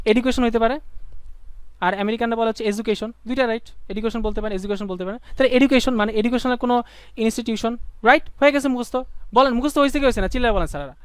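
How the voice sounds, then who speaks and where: A young Bangladeshi man teaches a live online class with a very high, quick voice, pushing students to call out answers and repeating key points over and over. He is playful and jokey. His voice comes through smooth and clear in a dry, close sound. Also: no echo. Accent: Bangladeshi Bengali. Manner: calls on students to shout answers, drills by repetition; playful, slips into sung lines and mock phrases.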